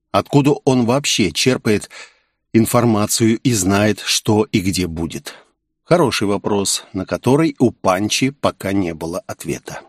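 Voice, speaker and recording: A man reading an audiobook in a steady, even narration. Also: fairly low pitch, no echo, studio quality.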